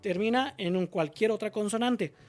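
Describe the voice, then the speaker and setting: A woman's voice: mid-range voice, normal speed, darkish tone, soft background music. A woman teacher explaining a spelling lesson patiently, asking questions and answering them herself, and drawing out example words syllable by syllable.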